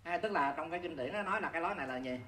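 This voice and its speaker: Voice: medium pitch, animated, racing, pushed and bright. Buddhist teacher, conversational dharma talk, asks listeners "see?", chuckles often, roomy echo. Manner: keeps asking listeners "see?", chuckles while explaining. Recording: roomy echo with faint background noise.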